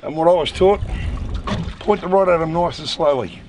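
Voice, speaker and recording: A man's voice: a little high, normal speed, darkish tone. A middle-aged man explaining a fishing rig step by step on a small boat at sea. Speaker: fishing host. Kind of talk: instructional commentary. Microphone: camera mic. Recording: wind and boat noise outdoors.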